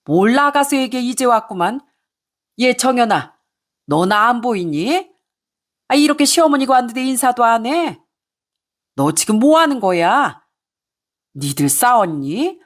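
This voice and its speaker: Bossy older mother-in-law, shrill and nagging, put on by a woman storyteller. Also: sing-song, unhurried, long pauses. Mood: scolding. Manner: scolding, nagging, raised voice.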